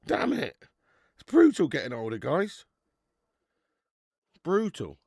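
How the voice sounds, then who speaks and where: A man's voice: on the high side, wildly swooping pitch, slow pace, vocal fry, darkish tone, husky, no room sound, clean studio sound. A man, hosting a football watch-along and bantering with chat, laughing and swearing freely. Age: 30s. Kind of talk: casual live-stream chat.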